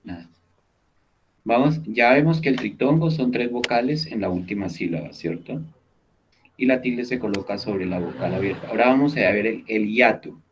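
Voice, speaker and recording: A man's voice: fairly low pitch, expressive, moderate pace. A man teaching a class over a video call, explaining step by step and often checking in with his students. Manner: explanatory, repeats key words, checks in with "¿listo?". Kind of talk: online class lecture.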